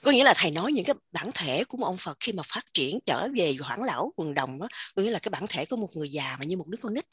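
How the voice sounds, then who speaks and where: Southern vietnamese woman talking fast and excited about spiritual stuff, kinda husky, keeps repeating words. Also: on the low side, no room sound, studio quality. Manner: repeats words in quick bursts, emphatic. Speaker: religious teacher sharing insights. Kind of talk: animated casual spiritual talk.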